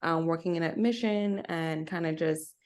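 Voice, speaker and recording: Her voice sits low with a darkish tone and a normal pace: a young Bahamian podcast co-host talking on a video call. The chat is casual and reflective, she introduces herself, and "kinda" and "right?" come up often.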